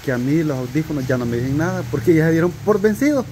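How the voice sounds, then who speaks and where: A man, soft-spoken and slow, bantering with his wife. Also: a little high, lively intonation, a little hiss or hum. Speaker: host's husband. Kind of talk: casual couple banter.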